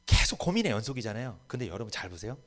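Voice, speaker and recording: Male pastor, sermon, animated pitch, emphatic preaching, church service. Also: rapid-fire. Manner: emphatic preaching, rising to proclamations. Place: church sanctuary.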